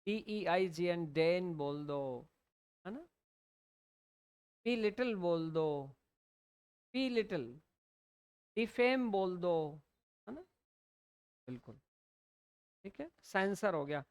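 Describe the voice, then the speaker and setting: A woman's voice: lowish voice, lively intonation, darkish tone, smooth, no room sound. A woman teacher explaining English vocabulary, mixing Hindi and English, spelling out words letter by letter and often checking in with "है ना?". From India. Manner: explains slowly, often asks "है ना?" to check understanding. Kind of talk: classroom lesson in Hindi mixed with English.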